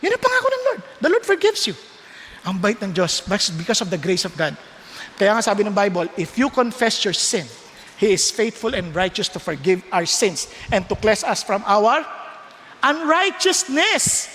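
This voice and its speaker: A man's voice: high voice, very animated, moderate pace, a bit bright, long reverb tail, slight background noise. An older male pastor preaching a sermon, mixing languages and checking in with the congregation with frequent questions. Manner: preaching in mixed Tagalog and English, with questions to the congregation.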